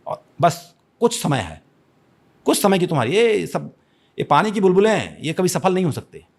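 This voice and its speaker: A man's voice: high voice, big pitch swings, moderate pace, vocal fry, breathy edge. A man from Chhattisgarh giving a podcast interview, speaking in an impassioned, declamatory way, repeating phrases and restarting often. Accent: Chhattisgarh Hindi. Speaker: interview guest.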